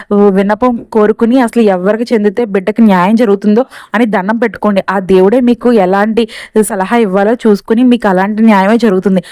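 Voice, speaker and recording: A gentle, consoling elderly priest from a family drama retelling, played by a woman in her own fairly high voice. His speech is mellow and fast-flowing. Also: no echo, natural voice. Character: calm elderly male temple priest.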